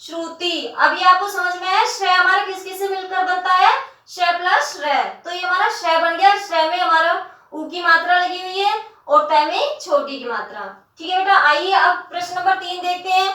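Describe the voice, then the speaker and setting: A woman teacher giving a spelling lesson. She speaks patiently, calls her students "beta", and spells words out slowly, syllable by syllable. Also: extremely high pitch, sharp tone. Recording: echoey room, voice from the mic at a distance.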